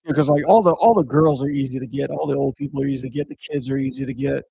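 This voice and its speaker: A man with a gravelly, creaky voice talks casually and swears a lot, trailing through sentences with constant filler words. He sits close to the mic in a dry, dead room with no echo. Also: mid-range voice, fast talker, mellow. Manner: rambling, profane, heavy use of filler words. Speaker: podcast guest recounting a haunted house job. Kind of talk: casual chat.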